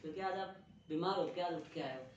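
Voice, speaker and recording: A man's voice: on the high side, a little hiss or hum. Echoey, distant male physics teacher. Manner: scolding, brisk teacher calling students to stand. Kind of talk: classroom lecture with student questioning. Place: classroom. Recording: echoey room from far off, dull lo-fi.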